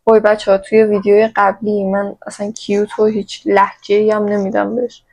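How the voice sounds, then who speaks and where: A woman's voice: mid-range voice, monotone, darkish tone, poor audio. A woman from Iran chatting playfully to her viewers in a casual shopping haul vlog, recorded on her own microphone. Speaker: vlogger.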